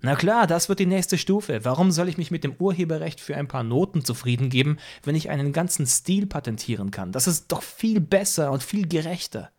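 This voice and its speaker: Guy reading an audiobook doing a pushy self-assured music boss, kinda high and loud. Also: expressive, fairly quick, few pauses. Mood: brash. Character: scheming male music-business boss on phone. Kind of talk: audiobook character voice.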